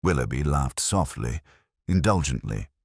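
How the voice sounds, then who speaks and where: Narrating a scripted first-person detective story, a very deep-voiced man speaks in a measured, melancholy way while his pitch moves lively. The recording is completely dry, with nothing of the room around him.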